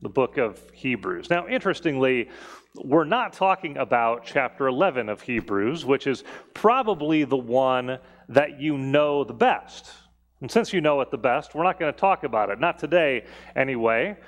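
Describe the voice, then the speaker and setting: A man's voice: medium pitch, lively intonation, moderate pace. A man speaking as a pastor in a conversational preaching style, in a reverberant church. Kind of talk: conversational sermon and church leading. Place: large indoor church space. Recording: reverberant hall.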